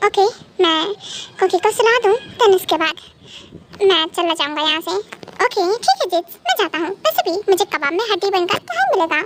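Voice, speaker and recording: A woman's voice: very high voice, lively intonation, moderate pace, slight background noise. A woman doing a teasing young friend. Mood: wry. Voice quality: playful, teasing. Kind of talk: fan audio drama.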